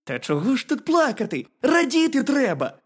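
A bright, high-pitched little hedgehog who keeps coaxing and reassuring his friend, his voice bouncing up and down with eager sympathy, as a storyteller puts him on. Loud, quick exclamations in a storybook style. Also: huge pitch swings, slightly rough, full character voice. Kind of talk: storybook reading.

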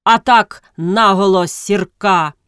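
A woman voicing a loud, hard-drinking male deacon who blusters and boasts about his liquor. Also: mid-range voice, smooth, no echo, clean studio sound. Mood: blustering. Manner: blustering, boastful, slow bellowing.

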